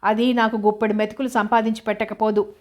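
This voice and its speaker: Woman reading a teary young girl who still stands her ground, audiobook, even tone. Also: mid-range voice, fast, close to an everyday voice. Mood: pleading. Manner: pleading, tearful. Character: young woman, tearful but defiant niece.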